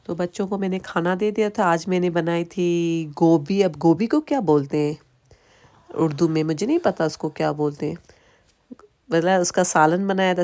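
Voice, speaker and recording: A woman in her thirties with a low-leaning, warm voice chats casually through a home vlog. She's a native Sindhi speaker with a Sindhi accent, and she rambles, often restarting and wandering into asides.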